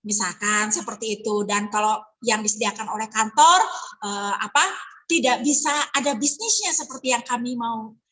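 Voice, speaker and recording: A woman giving an online sales ethics lesson, lively and coaching. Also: fairly high pitch, moderate pace, poor audio. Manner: lively, coaching, acts out sample dialogues. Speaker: sales trainer.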